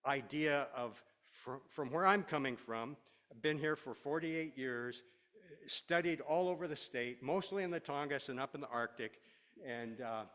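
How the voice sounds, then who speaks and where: A man's voice: mid-range voice, a bit bright. Older male lecturer, plain mid-range voice, loose and folksy, talking through slides. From Washington State, USA. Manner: folksy and rambling, with many uh fillers. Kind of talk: slide presentation to a class.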